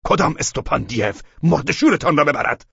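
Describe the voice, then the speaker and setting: A man voicing an irritable, impatient gentleman in an audiobook, with sharp, exasperated outbursts. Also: lowish voice, very animated, breathy edge, no echo, muffled recording, heavily acted. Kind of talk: audiobook character reading.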